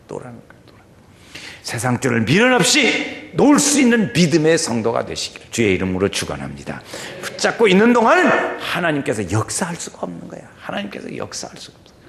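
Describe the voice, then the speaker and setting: A man preaching a dramatic sermon as pastor, swinging between shouts and hushed whispers. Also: fairly low pitch, gravelly, a little hiss or hum. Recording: echoey church hall.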